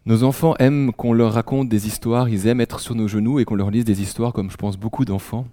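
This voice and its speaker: Male preacher raised in France, mellow dark tone, dry close sound, intimate sermon delivery. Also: medium pitch, steady tone, a little fast, dry recording. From France, raised in Alsace. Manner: drops to a hushed near-whisper for emphasis; many restarts, conversational storytelling.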